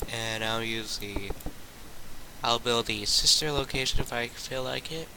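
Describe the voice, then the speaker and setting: Slow, rambling young gamer guy. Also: mid-range voice, bright, forceful tone, slight background noise, rough recording. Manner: rambling and halting, many fillers and restarts. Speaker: gaming channel host. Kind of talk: casual gameplay commentary.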